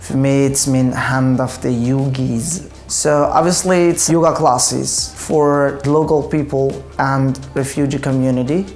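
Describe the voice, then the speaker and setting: A young man tells his story in a documentary interview, in halting, earnest English. His voice sits at a middle pitch with plenty of gravelly fry, and faint music plays underneath. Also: fairly even intonation, darkish tone. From Afghanistan. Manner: earnest, reflective, halting second-language English. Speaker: yoga teacher and project founder.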